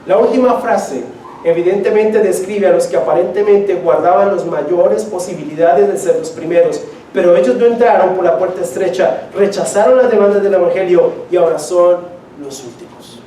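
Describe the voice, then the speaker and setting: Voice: medium pitch, moderate pace, mellow, a little hiss or hum. A preacher delivering a sermon with emphatic repetition and direct questions to the congregation. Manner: emphatic, repeats key phrases, asks the congregation direct questions. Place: church sanctuary. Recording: echoey church from a distance.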